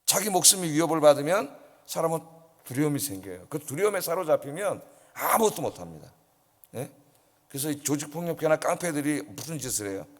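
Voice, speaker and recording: A man's voice: a little high, big pitch swings, fairly quick. A man preaching an early-morning sermon as pastor, telling the story vividly, acting out quoted voices and asking the congregation questions. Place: church sanctuary. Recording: long church hall reverb.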